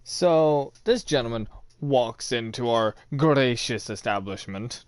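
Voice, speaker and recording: A man's voice: medium pitch, takes it slowly, no room sound. A man hosting a chat show, telling a casual story, swearing freely and laughing at his own jokes. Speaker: host.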